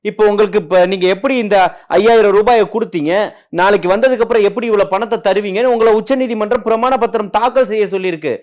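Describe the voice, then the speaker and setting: A man's voice: high-pitched, fast, darkish tone. This is a man, speaking as a guest in a heated political interview. He argues combatively and stacks up rhetorical questions, one after another.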